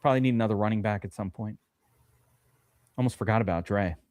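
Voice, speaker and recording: A man's voice: lowish voice, quick pace, darkish tone, no echo. Rambling man on a live stream. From USA. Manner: rambling storyteller, swears freely, many fillers. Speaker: podcast host drafting fantasy football. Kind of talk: casual live-stream chat.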